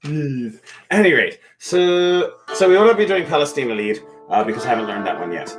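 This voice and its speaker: On a drinking livestream he co-hosts, a thirty-something musician jokes and rambles through casual drunken banter, often trailing off into mumbles. His medium-pitched voice is expressive and a little fast. Soft music plays in the background, and the audio is poor.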